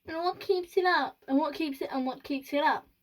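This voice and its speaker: Woman doing cranky old grandmother, shrill, suspicious, complaining, high voice, storybook. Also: fairly quick, natural voice.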